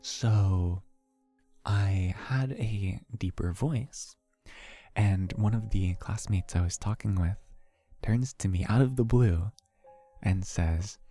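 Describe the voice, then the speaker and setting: A young man talks casually to his livestream chat in an unhurried, low voice. His tone is dark and mellow, and he rambles through a story at an easy pace. Faint background music plays under him. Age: young adult. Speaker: VTuber streamer.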